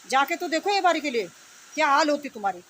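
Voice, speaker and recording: This fast-talking woman, whose voice sits high, works as an online video commentator. In an improvised, indignant rant she confronts and scolds her opponents, repeating phrases and firing off rhetorical questions, with steady noise audible behind her.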